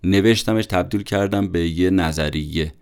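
A man's voice: sits low, a little mellow, clean tone. A man hosting a podcast episode, retelling a self-help book in a chatty, conversational way. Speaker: podcast host summarizing a book. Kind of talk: casual book-summary narration.

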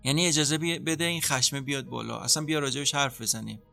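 A man speaking as a psychotherapist in an interview, calmly explaining how treatment works and acting out what a therapist says. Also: mid-range voice, creaky, faint music behind. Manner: calm, explanatory, acts out therapist dialogue. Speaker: psychotherapist guest.

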